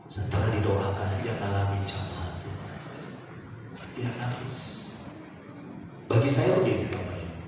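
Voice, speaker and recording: A male pastor telling a story in a sermon to his congregation, then rising into loud exhortation. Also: on the low side, moderate pace, pauses often. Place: large church hall. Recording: echoey hall from far off, noisy.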